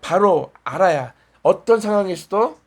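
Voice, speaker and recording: A man's voice: sits high, lively intonation, measured pace. Conversational male preacher in a small church. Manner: conversational, asks the congregation questions and answers back. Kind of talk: sermon.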